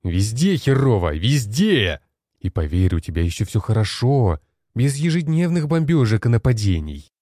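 A man voicing a stout, gruff male general who lectures sternly. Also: low voice, moderate pace, dark tone, no echo, clean studio sound, close to an everyday voice. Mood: scolding.

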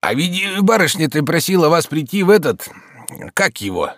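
A man's voice: a little high, very animated, normal speed, no echo, voice pushed up. A man reading an audiobook, voicing a stubborn, sly old male servant who grumbles with dry irony. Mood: grumbling. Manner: grumbling, ironic.

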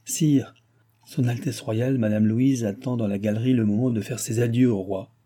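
A man reads a court usher in an audiobook who announces visitors in a formal tone. His voice is dark and husky. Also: medium pitch, fairly even intonation, normal speed, close to an everyday voice. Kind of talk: audiobook character reading.

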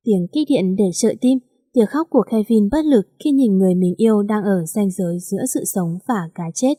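A woman narrating a romance audio story in a steady, measured reading voice, recorded close on a studio mic. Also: mid-range voice, breathy edge, no room sound.

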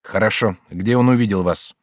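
A man voicing a calm but firm male doctor who questions a patient steadily and insistently in an audiobook. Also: fairly low pitch, moderate pace, no room sound, clean studio sound, natural voice. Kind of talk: audiobook character reading.

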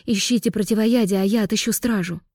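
A woman voicing a composed young fairy woman who takes charge, speaking briskly and with command. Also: mid-range voice, a little mellow, no echo, clean studio sound, voice pushed up, natural voice. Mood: urgent.

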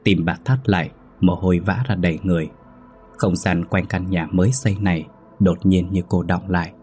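Very deep-voiced male horror narrator. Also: steady tone, moderate pace, dark tone, soft background music. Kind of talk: scripted horror story narration.

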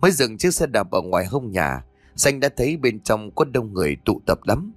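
A man narrating a ghost story with expressive, rising and falling delivery. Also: fairly low pitch, moderate pace, no room sound. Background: faint background music.

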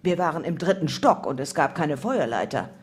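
A woman reading a first-person memoir aloud in calm, measured narration. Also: low-pitched. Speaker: audiobook reader.

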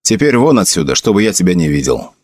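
A man's voice: deep voice, very animated, quick pace, darkish tone, dry recording. Gilbert, a man doing a curt stern army officer. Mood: curt, dry. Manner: dry, curt, commanding.

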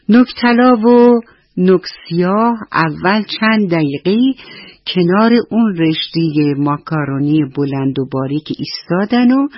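Woman reading bedtime stories to kids on the radio, kinda husky, dull dry sound. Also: deep voice, no echo. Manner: gentle, animated, talks to the children directly. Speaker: children's storyteller. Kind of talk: bedtime storytelling for children.

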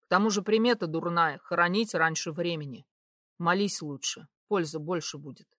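A woman voicing a gruff, commanding young nobleman who speaks curtly and coldly. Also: on the low side, normal speed, a bit bright, no room sound, studio quality, voice pushed down, close to an everyday voice. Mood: stern. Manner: curt, cold, bossy.

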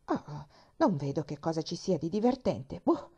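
A woman reading aloud, voicing a doubtful, sharp-tongued housemaid who grumbles and speaks sarcastically. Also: deep voice, big pitch swings, moderate pace, breathy edge, full character voice.

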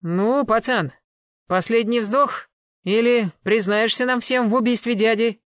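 A reader voicing a burly, menacing male bodyguard who interrogates loudly and roughly. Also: sits high, moderate pace, no room sound, clean studio sound, close to an everyday voice. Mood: threatening. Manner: loud, bullying, interrogating.

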